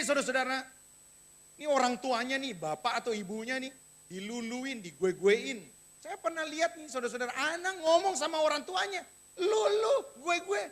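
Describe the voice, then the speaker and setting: High, bright-voiced pastor preaching. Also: male voice. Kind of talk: sermon.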